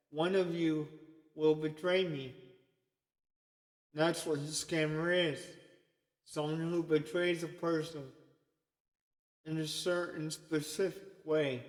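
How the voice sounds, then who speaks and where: A man's voice: fairly high pitch, a little mellow. A man preaching an informal sermon in a conversational way, often checking in with "okay?". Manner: conversational, repeatedly asks "okay?". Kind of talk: informal sermon to an online group. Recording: echoey long reverb.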